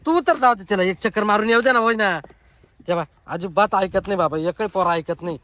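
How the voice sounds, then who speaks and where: A woman in a village comedy sketch, scolding loudly and repeating her orders outdoors. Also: medium pitch, fairly quick. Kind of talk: loud scolding rural chatter.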